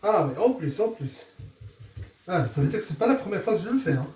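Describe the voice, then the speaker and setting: A man's voice: high voice, very animated, a little fast, darkish tone. A man with a Moroccan accent chatting casually and jokily to viewers as he presents his home cooking. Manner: chatty, jokey, addresses viewers as friends. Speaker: host, home cook presenting a recipe. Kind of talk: casual cooking vlog chat. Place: indoors in a home kitchen. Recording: roomy, distant mic, faint noise.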